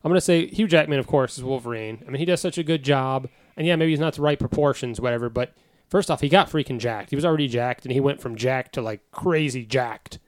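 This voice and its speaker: A man's voice: medium pitch, fast, no room sound. A man co-hosting a casual podcast chat in a studio, with jokey, sarcastic asides. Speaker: podcast co-host. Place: recording studio.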